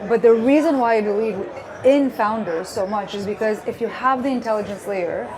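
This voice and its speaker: A woman's voice: a little high, fairly quick. Upbeat Greek-born woman at a live event. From Greece. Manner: earnest, upbeat, with restarts. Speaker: guest speaker. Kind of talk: live stage interview. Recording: live event with a crowd behind.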